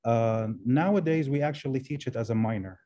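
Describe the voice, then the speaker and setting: Speaking briskly in a warm, medium-pitched voice, this guest is a Kuwaiti translation professor in his forties whose native language is Arabic. He answers interview questions over a video call from a room indoors, hesitating often, filling gaps and restarting his sentences.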